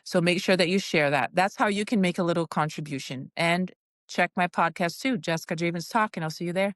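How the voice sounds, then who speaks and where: A middle-aged Brazilian woman whose first language is Portuguese appears as a guest wellness coach on a podcast, speaking casually and encouragingly with frequent ums. Her fairly low voice moves fairly quickly, captured in a dry, clean studio recording.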